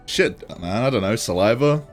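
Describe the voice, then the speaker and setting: A man at middle pitch co-hosts a comedic podcast, dropping dry, deadpan jokes. His intonation still moves around a lot. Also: normal speed, faint music behind. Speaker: podcast co-host. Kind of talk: casual comedic chat.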